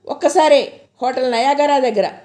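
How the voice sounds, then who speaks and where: A woman voicing a shy young man in love who speaks softly and hesitantly. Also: high voice, normal speed, close to an everyday voice. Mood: gentle. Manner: soft, hesitant, pleading.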